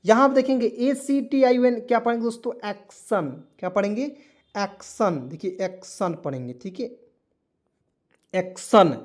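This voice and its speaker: A man's voice: high voice, normal speed. A man teaching a spoken language lesson to viewers, spelling words letter by letter and asking them repeated quiz questions.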